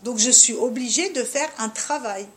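High-voiced woman giving a lively religious lesson. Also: normal speed. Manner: speaks straight to her listener, peppered with Hebrew terms. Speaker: religious teacher of a women's class.

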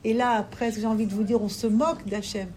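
A woman's voice: a little high, steady tone, quick pace, a little mellow. A woman giving an impassioned sermon to a women's gathering, pleading and repeating herself for emphasis. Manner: fervent and pleading, with emphatic repetition. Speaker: religious women's teacher.

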